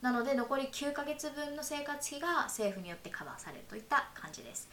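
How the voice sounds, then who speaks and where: A woman's voice: high-pitched, animated, fast talker, fairly bright tone. Polite woman podcast host, echoey room. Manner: polite, attentive interviewer. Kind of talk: interview and explanatory aside. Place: room in Paris. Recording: echoey room, faint hiss.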